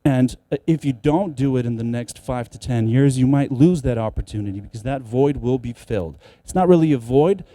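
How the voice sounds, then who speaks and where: A man delivers a promotional conference speech in a very dark, relaxed voice of medium pitch. He pauses mid-phrase as he goes. The sound is dry, with little room in it. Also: no room sound. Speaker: conference speaker.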